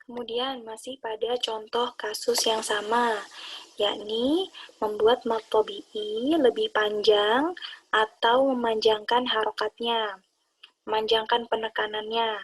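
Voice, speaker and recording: Husky-voiced woman going over recitation rules, calm and clear about it. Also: fairly high pitch, takes it slowly. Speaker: Quran recitation teacher. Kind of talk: explaining a lesson.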